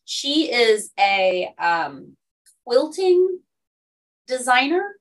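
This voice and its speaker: Chatty laughing woman, bright distant voice. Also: on the high side, big pitch swings, extremely slow. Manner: chatty storyteller, laughs often. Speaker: podcast host. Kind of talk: casual conversational interview.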